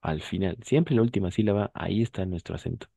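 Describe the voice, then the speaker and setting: A man's voice: low voice, quick pace, vocal fry, warm tone, breathy edge, no echo. A man teaching a French lesson to Spanish speakers, patient, mixing both languages and correcting pronunciation. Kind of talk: online class, explaining in Spanish and French.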